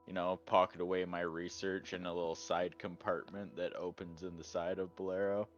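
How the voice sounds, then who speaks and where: A man's voice: deep voice, flat delivery, moderate pace, dull audio, soft background music. A man playing in a tabletop game, chatting in a laid-back, rambling way. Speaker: player. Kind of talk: casual gaming chat.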